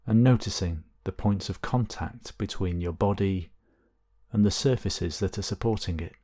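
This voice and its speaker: Here a man with a low voice leads a guided body scan, speaking gently and without hurry and leaving long silences between his phrases.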